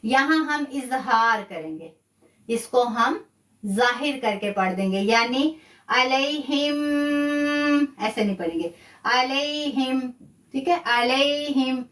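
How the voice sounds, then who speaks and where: Patient woman teaching Quran, echoey distant sound. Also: a little high. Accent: Pakistani Urdu. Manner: patient, repeats points, praises students' answers. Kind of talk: live online tajweed lesson.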